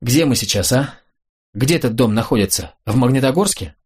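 A man reading an audiobook, voicing a nervous young man who talks with bitter, near-hysterical laughter in a husky voice. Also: mid-range voice, expressive, brisk, darkish tone.

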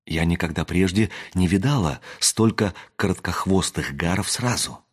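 A man reading an audiobook aloud, voicing a wary young woman who talks in a hushed whisper. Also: low-pitched, moderate pace, breathy edge. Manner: whispering, hushed and matter-of-fact.

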